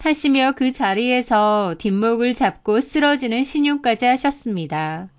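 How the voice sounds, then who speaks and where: Smooth, clear synthetic woman narrator. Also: fairly high pitch, moderate pace. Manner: calm, even storytelling. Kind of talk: first-person audiobook narration.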